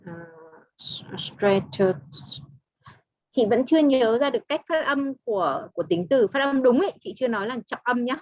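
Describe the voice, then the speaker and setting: A woman with a Vietnamese accent works through English pronunciation as a student, hesitant and repeating words. Her voice is fairly high. The call audio is muffled and dry. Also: lively intonation, moderate pace, dry recording. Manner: hesitant, tries words repeatedly and asks questions.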